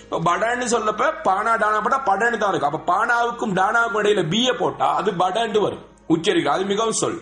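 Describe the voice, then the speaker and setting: A man teaching a spoken language lesson to schoolchildren, drilling word lists slowly and repeating them. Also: high-pitched, expressive, pushed and bright. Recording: echoey room with faint music.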